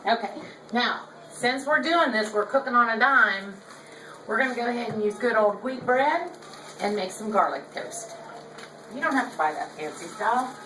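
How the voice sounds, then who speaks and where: A woman's voice: on the high side, animated, normal speed, bright, forceful tone. An older woman with a Southern accent, chatting folksily through a home cooking demonstration in her kitchen, filmed by her son. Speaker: cooking show host. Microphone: camera held by her son. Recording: echoey room, distant camera mic, background noise.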